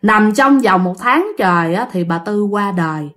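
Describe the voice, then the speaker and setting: A woman's voice: mid-range voice, animated, normal speed, fairly bright tone. A woman telling a ghost story in a chatty way, addressing her listeners directly.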